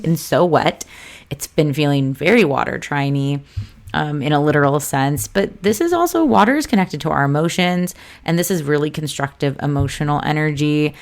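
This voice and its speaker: A woman with vocal fry, talking casually and chattily into a close podcast mic as an astrologer hosting her own show. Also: deep voice. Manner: chatty, loose and informal, with frequent fillers and asides. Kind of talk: casual solo podcast talk.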